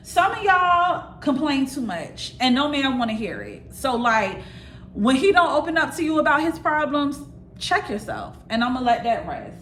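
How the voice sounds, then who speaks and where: A woman's voice: high-pitched, sing-song, normal speed, a bit bright, slight background noise. A woman preaching an informal sermon straight to her listeners. She speaks emphatically, repeats her key lines and drops in casual asides.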